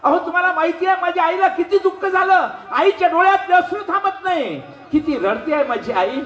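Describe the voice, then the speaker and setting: A man's voice: sits high, a little slow. A man voicing a desperate seven-year-old boy who pleads through tears. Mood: pleading. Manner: crying, pleading cries. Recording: roomy hall with faint instruments.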